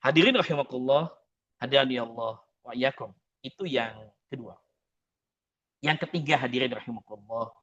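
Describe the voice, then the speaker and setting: Man, sermon, animated storytelling, slightly dull lo-fi sound. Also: medium pitch. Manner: lively storytelling, acting out prayers and dialogue. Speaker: preacher.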